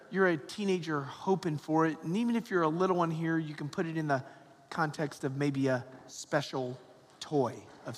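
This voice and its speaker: A high-voiced male priest from Georgia in the United States gives a sermon and Gospel reading at Mass. He's conversational and folksy, often tagging phrases with "right?" and "okay?", and a large church interior wraps his voice in long, cathedral-like reverb.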